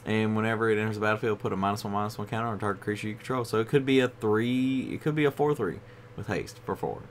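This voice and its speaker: Laid-back low-voiced man reviewing cards. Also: fast talker, a little hiss or hum. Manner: rambling, with frequent "you know" fillers. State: tired, yawning. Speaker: card game video host. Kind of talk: casual card review.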